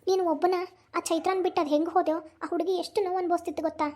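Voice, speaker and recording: A woman's voice: very high voice, fairly even intonation, very fast, darkish tone. A woman voicing a tearful, protective mother in a cartoon, with a North Karnataka Kannada accent. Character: grieving mother reunited with her son. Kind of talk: cartoon voice acting.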